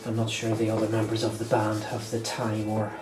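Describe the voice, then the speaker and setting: A man's voice: lowish voice, monotone, brisk. A man in his late thirties, a little stuffy from a cold, talking casually and reflectively with lots of fillers while he works. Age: 30s. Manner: rambling and reflective, many fillers. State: slightly congested from a cold. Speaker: guitar channel host. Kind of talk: casual rambling talk while working. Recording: echoey room with loud music behind.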